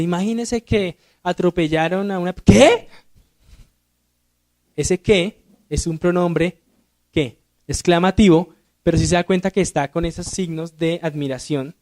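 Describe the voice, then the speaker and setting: A deacon whose voice is fairly high and a little mellow runs a Sunday school grammar lesson in a church classroom. Verses are read aloud with mounting emphasis, and the questions he puts to the class he answers himself.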